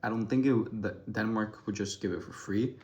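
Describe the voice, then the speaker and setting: A man's voice: lowish voice, fairly even intonation, normal speed, darkish tone. A young man from Ecuador rambling casually to camera, thinking aloud with many restarts and self-deprecating asides. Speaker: vlogger.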